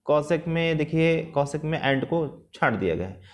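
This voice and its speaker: A man teaching an English lesson with patience, repeating and rephrasing each point, slow and careful in English and quicker in the rest. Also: a little high, animated. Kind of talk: explanatory lesson mixing Hindi and English.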